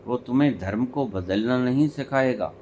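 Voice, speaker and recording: A man giving a spiritual discourse, emphatic and full of rhetorical questions, with deliberate pauses between phrases. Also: mid-range voice, darkish tone, a little hiss or hum. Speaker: spiritual teacher.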